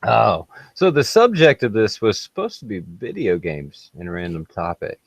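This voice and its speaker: A man's voice: lowish voice, sing-song, normal speed, a little hiss or hum. A man hosting a casual podcast chat, joking and laughing often. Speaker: podcast host.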